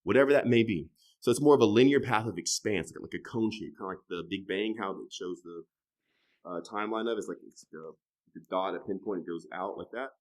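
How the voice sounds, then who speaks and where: Somewhat low-voiced and a little fast, this man in his thirties is a podcast guest in relaxed conversation. He swears freely, swinging from loud emphatic outbursts to quiet asides that trail off.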